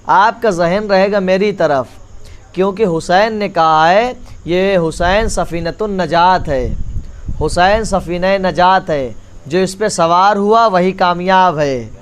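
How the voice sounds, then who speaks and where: A man delivering a Muharram majlis sermon. He repeats his key lines and keeps calling the audience back to attention. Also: clear, resonant tone. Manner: rises in pitch and force as the sermon builds. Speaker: maulana giving a majlis address.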